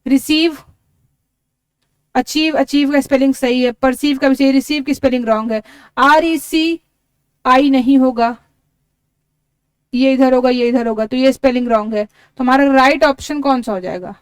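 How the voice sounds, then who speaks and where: A woman's voice: high-pitched, moderate pace, long pauses, clear, resonant tone, no echo. A woman teaching an exam-prep lesson, explaining step by step and spelling words out letter by letter. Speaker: English teacher.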